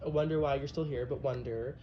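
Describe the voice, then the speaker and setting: A man's voice: mid-range voice, steady tone, fairly quick, muffled recording, a little hiss or hum. A man hosting a podcast in casual chat, snarky and teasing toward his guest. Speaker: podcast host.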